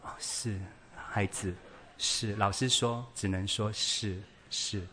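Guy doing a timid mom, soft and low, says sorry a lot. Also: moderate pace, a little hiss or hum, lightly acted. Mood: meek. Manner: soft, submissive, hesitant. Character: meek apologetic mother.

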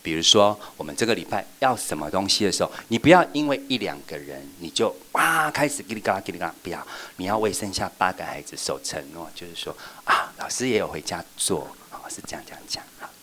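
A man training children's church teachers in a workshop, playful and lively, acting out examples as he goes. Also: low voice, fast, few pauses, a little hiss or hum.

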